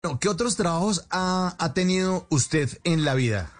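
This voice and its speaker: A man's voice: high voice, expressive, normal speed. A man hosting an interview chat who prompts the guest with short questions. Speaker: host.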